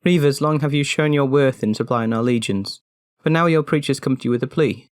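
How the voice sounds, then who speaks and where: A man's voice: mid-range voice, fairly quick, clean tone, no room sound, studio quality, close to an everyday voice. A man voicing a male orc preacher giving a formal, declamatory plea in an audio story. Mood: exhorting. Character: male orc preacher addressing his people.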